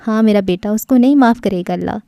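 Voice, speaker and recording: A woman's voice: medium pitch, creaky, clear, resonant tone, no room sound, dull audio, lightly acted. A woman voicing a tearful, anxious mother. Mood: tearful worry. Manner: soothing, pleading, tearful. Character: anxious, tender middle-aged mother.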